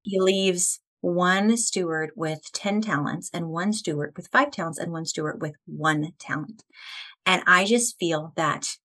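A woman's voice: lowish voice, a little slow, fairly bright tone. A woman in her thirties from the United States, a podcast guest talking earnestly and with growing passion about faith, at times close to tears. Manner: earnest and passionate, building to emotional fervor. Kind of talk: faith-focused podcast conversation.

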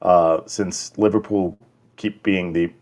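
A man co-hosting a casual podcast chat, talking in halting bursts with many restarts and ready laughter. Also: low voice, fairly even intonation, a little mellow. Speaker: podcast co-host.

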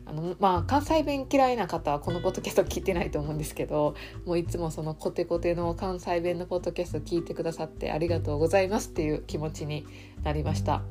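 Chatty Kansai woman, low voice. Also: quick pace, over music. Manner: relaxed, chatty, soft fillers. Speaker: podcast host and coach. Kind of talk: casual solo podcast talk.

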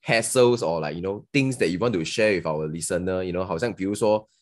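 A Singaporean man with a fairly low voice hosts a casual chat. He speaks Singlish, hopping between English and Mandarin within a sentence. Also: brisk. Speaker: podcast host.

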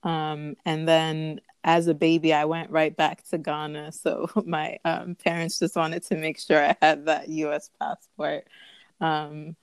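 Low-voiced woman, smooth and close. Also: completely flat delivery, a little slow, no room sound. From United States. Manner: thoughtful, many ums. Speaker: business founder, guest. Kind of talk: conversational interview.

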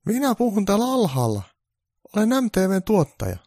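A pushy, pleading TV producer calling on the phone in a comic storybook, as a male narrator plays him. He speaks high and coaxing, with some gravel underneath. The sound is dry. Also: huge pitch swings, mellow, no echo, exaggerated voice.

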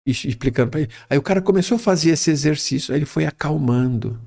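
A man's voice: a little high, animated, fast, gravelly, darkish tone. A middle-aged man telling a personal story in a rambling, casual way, often tagging his sentences with a questioning "right?". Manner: rambling, tags phrases with "né?".

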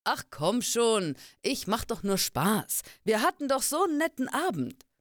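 A woman voicing a boisterous, brawny male warrior who teases loudly and boasts. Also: on the high side, big pitch swings, a little slow, no echo, studio quality, voice pushed up. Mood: mocking. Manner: loud, boastful, teasing.

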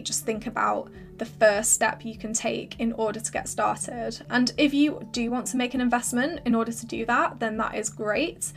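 A woman hosting a solo podcast with casual, rambling, encouraging advice, her voice slightly hoarse as if she is losing it. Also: fairly high pitch. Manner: informal, filler-heavy, rambling encouragement. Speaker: podcast host and creative business coach.

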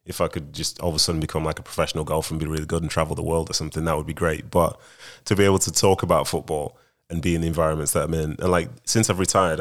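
A young man, a retired footballer now in broadcasting, answering interview questions in a laid-back, rambling way. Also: very deep voice.

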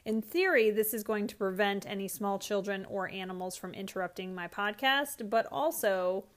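Wry, candid woman hosting a podcast. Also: medium pitch. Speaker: podcast host. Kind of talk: casual solo podcast monologue. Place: home closet.

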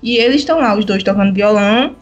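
A woman's voice: medium pitch, quick pace, dull audio. A woman co-hosting a podcast, chatting casually and enthusiastically about music over a call. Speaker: podcast co-host. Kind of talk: casual chat.

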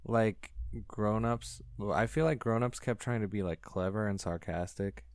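Laid-back low-voiced young man. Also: normal speed, no echo, clean studio sound. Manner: laid-back, mumbly, lots of ums and likes. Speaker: podcast co-host. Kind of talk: casual movie review chat.

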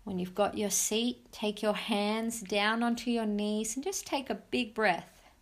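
A woman's voice: medium pitch, fairly even intonation. A woman hosting a mindfulness podcast, giving soothing guided meditation instructions in simple, encouraging phrases. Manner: soothing, unhurried instructions with pauses.

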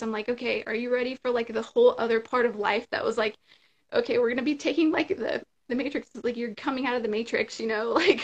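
A woman guest talking casually and rambling with many fillers, over a video call. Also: on the high side. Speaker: interview guest. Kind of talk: casual spiritual chat.

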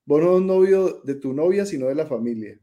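Co-host, male, Caleño accent, curious, voice a bit high. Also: expressive, fairly quick, warm tone. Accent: Caleño Colombian Spanish. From Colombia. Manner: curious, asks follow-up questions. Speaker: podcast co-host. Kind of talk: casual chat.

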